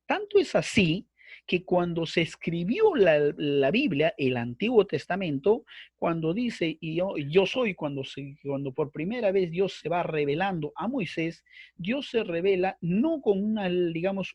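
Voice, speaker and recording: A man's voice: sits high, expressive, normal speed, slightly rough, dry recording, highs cut off. A man teaching a bible course online, explaining at length and repeating himself, with frequent fillers. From Peru. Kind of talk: online lecture. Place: online class with screen sharing.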